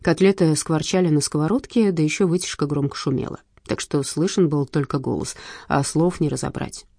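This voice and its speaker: A woman reading an audiobook in a lively, wry storytelling manner. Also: low-pitched, brisk, vocal fry, no echo, studio quality. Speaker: narrator. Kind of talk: audiobook narration.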